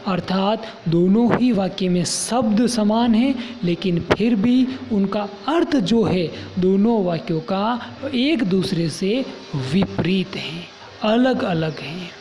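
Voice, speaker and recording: A woman teaching a grammar lesson, explaining slowly and restating each point with examples. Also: mid-range voice, expressive.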